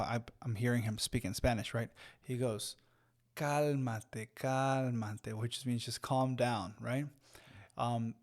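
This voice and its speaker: A man's voice: mid-range voice, a little mellow. A man in his thirties from Mexico, co-hosting a podcast and telling a long personal story with many fillers and restarts. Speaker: podcast co-host. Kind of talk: casual storytelling chat.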